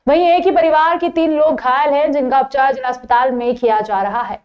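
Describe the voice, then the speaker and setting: Woman, news anchor, high voice, formal steady reading, dull lo-fi audio. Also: a little fast. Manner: formal, steady newsreader delivery.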